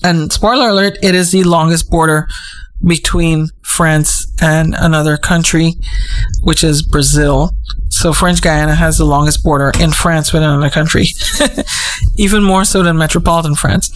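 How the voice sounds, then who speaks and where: Host from Trinidad and Tobago, casual explainer monologue, mid-range pitch, meandering, thinking aloud. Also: steady tone, moderate pace, slight background noise, rough recording.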